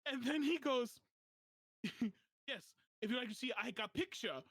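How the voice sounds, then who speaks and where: Young male podcaster, high pitch, animated storyteller, dead-dry mic. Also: measured pace, creaky, no room sound. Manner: animated, laughing while telling a story. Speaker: podcast host. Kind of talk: casual storytelling.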